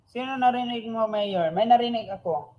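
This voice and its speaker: A woman with a Filipino accent hosting a game live stream, chatting casually and teasing as she gives viewers shoutouts. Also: fairly high pitch, a little fast, lo-fi sound, a little hiss or hum.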